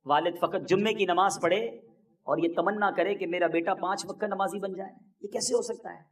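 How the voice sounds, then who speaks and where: A man delivering an impassioned, emphatic sermon as a preacher, his voice rising sharply on key points. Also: high-pitched.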